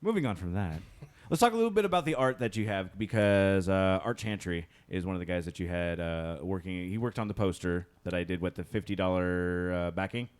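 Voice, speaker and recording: A man's voice: low voice, fairly quick, clear, resonant tone. A man hosting a live podcast in a small stuffy room, chatting loosely with plenty of fillers. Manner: loose, rambling, many fillers. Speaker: podcast host. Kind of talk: casual live podcast chat.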